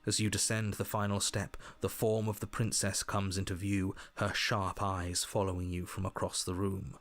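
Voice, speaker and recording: A grave storybook narrator for a dark fairy-tale game. The voice is low, measured and ominous, with music behind it. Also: male voice, completely flat delivery.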